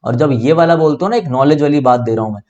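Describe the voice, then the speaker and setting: A man's voice: on the high side, fast, dark tone, highs cut off. A young man with an Indian accent teaching an online English grammar lesson, explaining step by step and asking and answering his own questions. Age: young adult.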